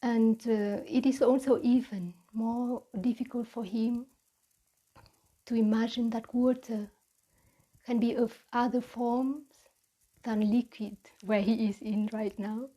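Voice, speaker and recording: A meditation teacher with a Vietnamese accent gives a reflective mindfulness talk with halting, deliberate phrasing. Her voice is a little high, steady, and mellow.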